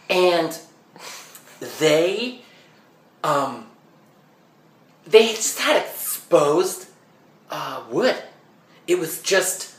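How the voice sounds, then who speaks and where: Man acting out a flamboyant Broadway fan, comedic monologue, rambling and sidetracked, slow drawl, roomy echo. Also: fairly high pitch, a bit bright, exaggerated voice. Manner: rambling, sidetracked, filler-heavy with "like".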